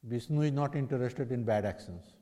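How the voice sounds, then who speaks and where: Male spiritual teacher, North Indian accent, slightly higher-pitched voice, questioning didactic delivery, long hall echo. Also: a little fast, dark tone. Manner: didactic, poses rhetorical questions to listeners. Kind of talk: religious discourse in English with Hindi and Sanskrit phrases.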